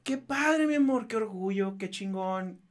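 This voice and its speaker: A man's voice: high voice, expressive, a little slow. A young man with a Mexican accent, a musician guesting on a podcast, talking in a laid-back, joking way and swearing casually. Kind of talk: casual chat.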